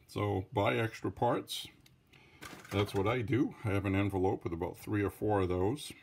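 A man's voice: sits low, creaky, a little mellow, slightly rough. A Franco-American man with a French-Canadian accent, giving a casual hands-on tutorial with rambling, defensive asides. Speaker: hobbyist revolver tinkerer.

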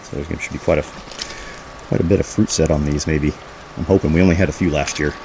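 The host of a homesteading vlog, a man with an exceptionally deep, steady voice, talks fast as he walks through a backyard garden. He chats informally and off the cuff, pointing things out, with clear outdoor background noise around him.

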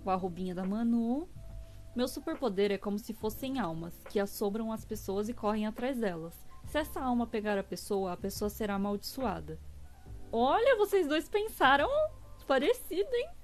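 A woman's voice: mid-range voice, lively intonation, fairly quick, a little mellow, faint music behind. A young woman with a Brazilian accent, chatting casually on a live stream and reading viewers' texts aloud, gushing over cute drawings. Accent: Brazilian Portuguese.

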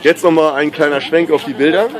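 With a fairly high, steady voice and a brisk pace, a middle-aged pop artist talks casually and keenly to the camera at a sunny marina. Some chatter sits behind him, and the handheld camera mic catches faint outdoor noise.

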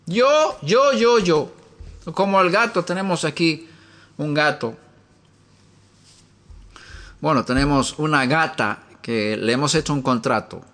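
A man's voice: fairly high pitch, expressive, takes it slowly, pauses often, a bit bright. A man preaching in a teaching style from a room upstairs in his home. He asks many rhetorical questions and tells homely stories.

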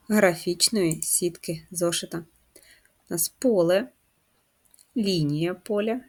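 A woman teacher giving a patient, step-by-step first-grade writing lesson, asking the children questions as she goes. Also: fairly low pitch. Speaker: primary school teacher.

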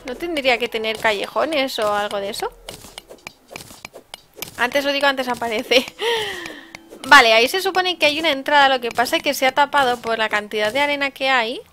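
A high, bright woman's voice with a Spain Spanish accent, commenting on gameplay in a chatty, excitable way. Faint game music plays behind her. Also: normal speed, long pauses. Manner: chatty and excitable, with sudden exclamations. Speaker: let's-play host.

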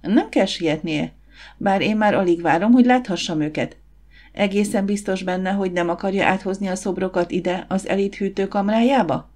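A woman voicing a confident, warm young woman who runs a catering business, in an audiobook. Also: mid-range voice, lightly acted. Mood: warm brisk. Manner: brisk, encouraging.

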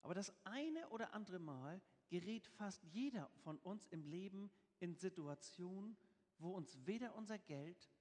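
A man's voice: high voice, animated, normal speed, darkish tone. A man preaching a sermon, reading scripture aloud with emphasis and explaining it in plain everyday words. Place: church. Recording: church with long reverb.

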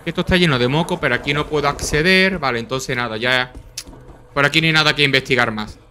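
A young man with a Spain Spanish accent giving live gameplay commentary, talking to himself in quick repeated bursts and swearing and yelping whenever he is under attack. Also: on the high side, soft background music. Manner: excitable, swears and yelps when under attack. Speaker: gaming channel host.

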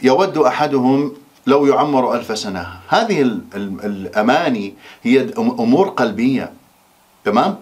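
A man giving a Quran memorization lesson, slowing down and stressing key words when he quotes verses. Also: medium pitch, expressive, a little mellow. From Iraq. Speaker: Quran teacher. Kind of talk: recorded religious lesson.

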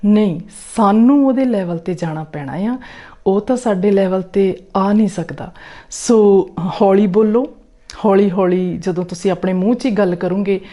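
Woman parenting coach, mellow low-bright tone, warm coaxing delivery with frequent check-ins. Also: moderate pace. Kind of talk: talk to camera giving parenting tips.

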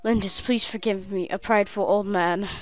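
A woman reading out a proud, remorseful old grandfather lord from a game, in a hushed, subdued voice. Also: mid-range voice, fairly even intonation, normal speed, close to an everyday voice. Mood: sorrowful. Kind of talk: reading game dialogue aloud.

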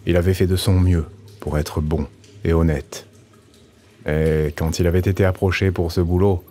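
Deep-voiced male audiobook narrator. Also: dark tone, slight background noise.

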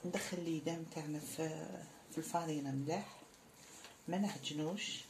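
An Algerian woman with a low voice walks viewers through a traditional recipe in a friendly, chatty way, calling them sisters. A faint hum of room noise sits under her voice. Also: steady tone, fairly quick, darkish tone. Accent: Algerian Arabic. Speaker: cooking channel host. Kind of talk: cooking tutorial.

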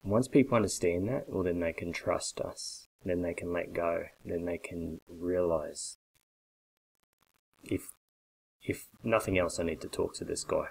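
In his forties, a coffee business consultant delivers a blunt, persuasive sales pitch straight into a desk webcam from a small bare office, gesturing emphatically with his hands. His gravelly, darkish, slightly rough voice moves at a measured pace. The recording quality is low.

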